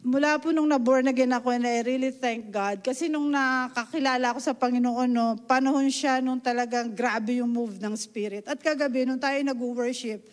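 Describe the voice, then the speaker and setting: A woman's voice: a little high, steady tone, moderate pace, hardly any pauses. A middle-aged woman from the Philippines preaching a sermon, earnest and emotional, mixing Tagalog and English and often asking "no?". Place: church hall. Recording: long church hall reverb.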